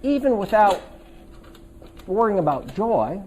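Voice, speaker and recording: A man leads a live stress-relief seminar with a lively voice that rises and falls widely. He pitches a little higher than most men and keeps it chatty, full of stories and quick check-ins with the room. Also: slight background noise. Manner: chatty, anecdotal, asks the audience for agreement. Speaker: stress workshop teacher. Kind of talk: casual live seminar talk.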